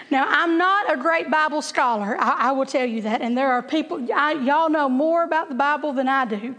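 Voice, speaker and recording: A kindergarten teacher with a high voice tells chatty, self-deprecating stories to a church group in a humorous storytelling talk. She laughs often and stutters at times, and the sound carries the feel of a large hall.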